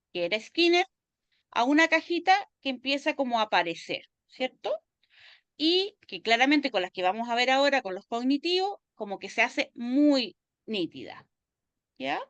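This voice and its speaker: A woman's voice: high voice, dry recording. A woman giving a university lecture over a video call, constantly checking in with her students. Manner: checks understanding with frequent "¿ya?". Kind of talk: online class lecture.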